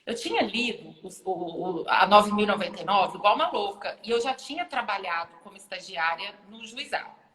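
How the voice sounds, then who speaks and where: A woman lawyer shares a story casually on a live video chat, sounding bright and sharp. She acts out the voices of the people in her story with leaps in pitch. Her voice carries a roomy echo with a long reverb tail. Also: fairly quick. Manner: animated, acts out other people's lines with big pitch leaps. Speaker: lawyer and university lecturer, guest. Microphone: phone or laptop live stream. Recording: echoey room with long reverb.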